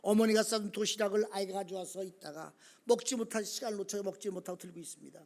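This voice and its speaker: A man preaches a sermon in a church sanctuary, his voice sitting very high for a man. He drops to quiet, close talk and then rises into shouted calls, often turning to the congregation with questions. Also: fast talker. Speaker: pastor.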